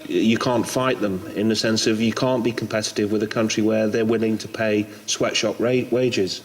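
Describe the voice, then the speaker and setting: UK man, participant; low, reflective, slight noise. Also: fairly even intonation, normal speed, poor audio. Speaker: poll participant.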